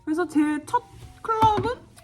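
A young woman in her twenties telling a story in a casual, animated way while doing her makeup, acting out the lines of people in it. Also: extremely high pitch, normal speed, loud music behind the voice. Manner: chatty, animated, acts out quoted lines. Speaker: beauty vlogger.

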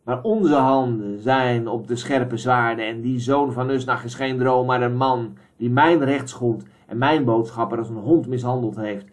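A furious, proud king with a commanding, booming delivery, as a male audiobook reader puts him on. His words come slow and heavy, each one pressed out loud. The voice sits at a middling male pitch. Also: close to an everyday voice.

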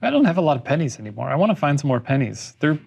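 Hugely animated playful man. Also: on the high side, very fast, creaky, slightly rough. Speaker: podcast co-host. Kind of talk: casual chat.

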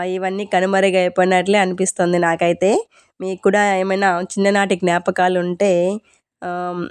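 A woman's voice: mid-range voice, a little mellow, smooth, dry recording, studio quality. A woman narrating a casual vlog in a chatty, polite, explanatory way. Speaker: home vlogger.

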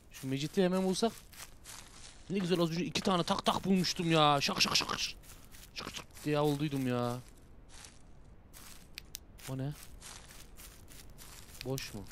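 Young male gamer for a horror let's play, loose and slangy, loud outbursts and low mutters, voice a bit on the high side. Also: slight background noise. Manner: casual slangy banter with viewers. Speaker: gaming YouTuber.

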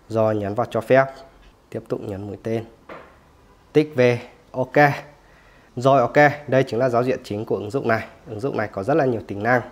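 A man hosting a phone tutorial, explaining each step casually and often pausing with "rồi" between steps. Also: mid-range voice. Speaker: tech tutorial host.

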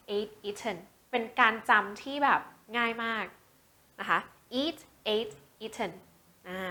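A young woman tutor explaining English grammar in a chatty way, repeating words slowly for practice with many filler sounds. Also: a little high, sharp tone. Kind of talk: casual teaching explanation.

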